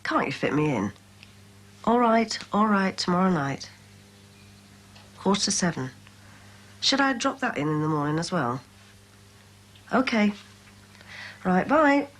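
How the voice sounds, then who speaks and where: A brisk, businesslike figure in a TV drama. Her voice sits at a middle pitch and rises and falls freely. She speaks in short, practical bursts. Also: big pitch swings. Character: brisk woman booking an appointment by telephone. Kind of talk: naturalistic TV drama acting. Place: indoors, at a house window.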